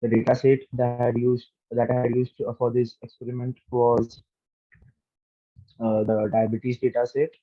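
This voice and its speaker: A man's voice: medium pitch, completely flat delivery, moderate pace, no room sound. A young man giving a hesitant, formal presentation as an intern on a video call. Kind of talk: slide presentation and software demo. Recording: dull lo-fi video-call audio.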